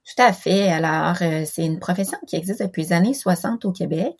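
Hesitant Québécois woman, lowish voice. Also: a little fast, darkish tone, slightly rough. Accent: Québécois French. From Quebec. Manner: hesitant, many fillers and restarts. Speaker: podcast guest. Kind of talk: casual interview chat.

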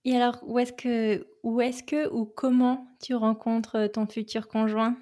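A woman hosts a podcast interview and asks her questions in a friendly, chatty way. Her voice sits fairly high. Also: level tone, measured pace, mellow. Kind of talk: casual interview conversation.

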